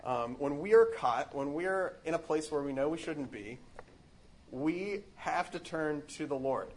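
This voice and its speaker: A man's voice: a little high, expressive, unhurried, darkish tone, slight background noise. A man giving a casual, earnest spiritual reflection on a book, rambling with many fillers and restarts.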